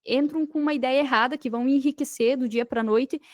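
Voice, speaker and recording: With a high voice, fairly even intonation and a slightly fast delivery, a Brazilian Portuguese-accented digital marketing entrepreneur recounts her story on a podcast. She speaks emphatically, repeating phrases and asking rhetorical questions, in a conversational interview. The studio sound is clean, without room sound.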